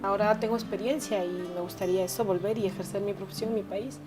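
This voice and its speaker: Soft-spoken Ecuadorian woman telling her story. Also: medium pitch, fairly even intonation, quick pace, music in the background. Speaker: interviewee, migrant worker. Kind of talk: personal testimony.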